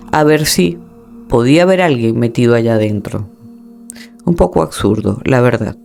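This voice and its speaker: A man narrating a true horror tale in a measured, dramatic way. His mid-pitched voice has a gravelly, creaky edge. Soft music runs beneath it. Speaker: storyteller.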